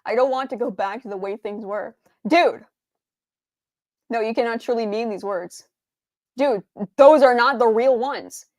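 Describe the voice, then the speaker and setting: High-voiced ranting woman streamer. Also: a little slow, pauses often, dry recording. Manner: exasperated, ranting, swears freely. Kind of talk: game reaction commentary.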